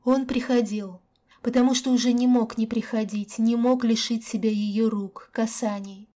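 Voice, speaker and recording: Woman narrator with a mellow voice. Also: fairly high pitch, steady tone, normal speed. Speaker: audiobook narrator. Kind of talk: scripted narration.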